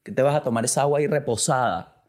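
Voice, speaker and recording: A man with a Venezuelan accent hosting a casual comic monologue, animated and acting out little quoted exchanges, now and then breaking into loud outbursts. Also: mid-range voice. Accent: Venezuelan Spanish. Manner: acts out dialogue in quick quotes. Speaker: podcast host.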